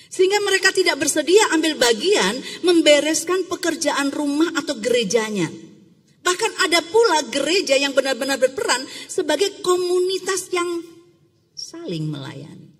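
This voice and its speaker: A woman pastor giving a Sunday sermon, chatty and lively, asking the congregation questions and calling for raised hands. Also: high-pitched. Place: church sanctuary. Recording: long church reverb.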